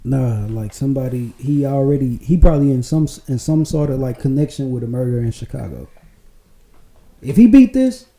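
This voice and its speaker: A man's voice: medium pitch, animated, normal speed, dark tone, roomy sound, rough recording. A man co-hosting a podcast, talking casually in slang and repeating his points. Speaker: podcast co-host. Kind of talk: casual chat.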